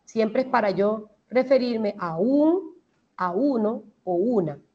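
A woman's voice: a little high, expressive, slow pace, dull audio. A woman with a Colombian Spanish accent teaching English grammar in an online class, explaining step by step and checking that the students understand.

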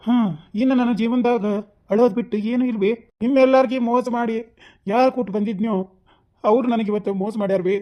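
A voice actor playing a remorseful grown son in a cartoon, confessing slowly and solemnly with a North Karnataka accent. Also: medium pitch, steady tone, lo-fi sound, close to an everyday voice. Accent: North Karnataka Kannada.

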